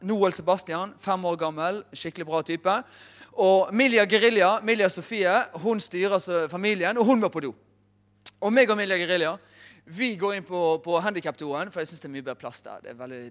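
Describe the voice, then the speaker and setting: Guy in his 30s preaching, kinda high voice, jokey storyteller vibe. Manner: animated, self-mocking storyteller. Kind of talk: storytelling sermon.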